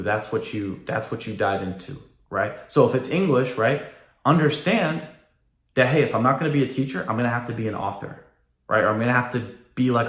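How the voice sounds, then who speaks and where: A man's voice: medium pitch, fairly bright tone. A man ranting casually to his viewers, emphatic and forever checking in with "right?". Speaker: vlogger. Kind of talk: casual rant to camera. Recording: roomy echo.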